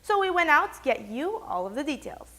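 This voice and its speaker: A woman's voice: high voice, big pitch swings, fairly quick, fairly bright tone. A woman hosting a local TV news segment, reading scripted narration. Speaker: TV news host and reporter.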